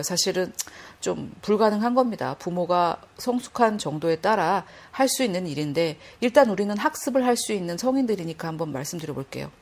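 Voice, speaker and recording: A woman's voice: medium pitch, darkish tone. A woman giving sermon-style Bible teaching, earnest and explanatory, speaking straight to her listeners and acting out quoted dialogue.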